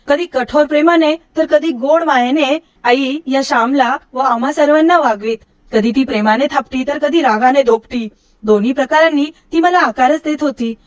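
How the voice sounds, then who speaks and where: Storybook reader: high-pitched middle-aged woman who raises her voice for character lines. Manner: recites verse slowly and lower. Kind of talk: reading a story aloud.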